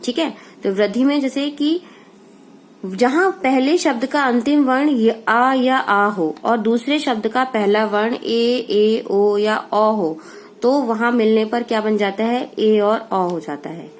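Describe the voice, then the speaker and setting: A woman's voice: on the high side, a little slow. Woman teacher asking and answering herself. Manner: asks questions and answers them herself, repeats "ठीक है". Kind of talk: classroom grammar lesson.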